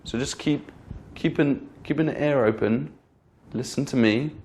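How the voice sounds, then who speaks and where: Speaking in a mid-range, darkish voice, a man gives an online English pronunciation class. He says the example words repeatedly and patiently, easing his pace to highlight stressed words.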